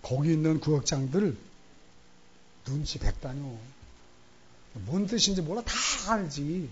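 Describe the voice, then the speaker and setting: A male pastor delivers a Sunday sermon in a church sanctuary, with a somewhat high and very animated voice that rises and falls as he tells a story. He brings the story to life by acting out the voices of the people in it. The recording is a bit dull, with faint room noise behind him. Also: a little slow.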